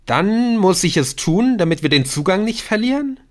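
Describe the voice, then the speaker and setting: A man reading an audiobook, voicing a grumbling teenage boy with a slow, weak voice. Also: mid-range voice, sing-song, fairly bright tone, pitched above the performer's own voice.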